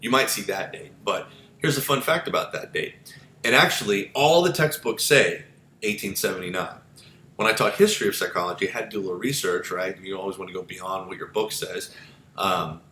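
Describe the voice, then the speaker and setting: A male psychology instructor giving a chatty, digressive lecture full of asides and fillers. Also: sharp tone. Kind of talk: informal recorded lecture. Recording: echoey room with low rumble.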